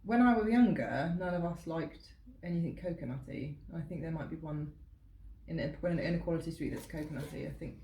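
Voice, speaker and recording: Chatty woman, low voice. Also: a little fast, mellow. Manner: chatty and enthusiastic, laughs often. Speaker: co-host. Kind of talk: casual chat. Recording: roomy with faint background noise.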